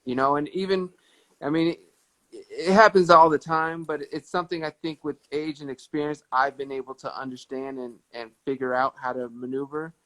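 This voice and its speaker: A man in his thirties hosting a casual livestream chat with a fan, warm and often repeating words as he thinks. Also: fairly high pitch, steady tone, normal speed, rough recording. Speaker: livestream host. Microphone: phone on a live video stream.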